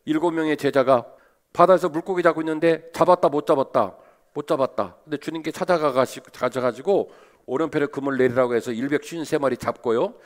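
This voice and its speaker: A man preaching a sermon as pastor, lively and asking his listeners rhetorical questions. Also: a little high, brisk. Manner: animated, asks the congregation rhetorical questions.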